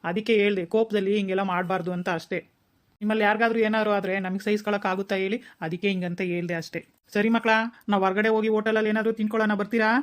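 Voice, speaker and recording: A woman voicing a middle-aged cartoon father who calmly lectures his wife and daughters. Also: medium pitch, racing, lightly acted. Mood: lecturing. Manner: lecturing, reasoning.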